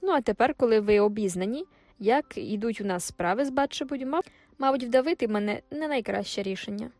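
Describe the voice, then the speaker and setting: A woman's voice: a little high, fast, a little mellow, no room sound, close to an everyday voice. A woman voicing a cocky, careless young sergeant in an audiobook, speaking in a mocking tone. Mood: offhand. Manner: mocking, offhand. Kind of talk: audiobook character voice.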